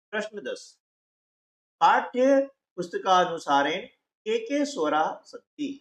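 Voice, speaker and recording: A teacher works through a workbook at a slow, patient pace. The pitch moves a lot as questions are posed and then answered. The room is echoey. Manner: slow, explains step by step, asks and answers its own questions; often adds "है ना" and "ठीक है". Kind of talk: classroom lesson walkthrough.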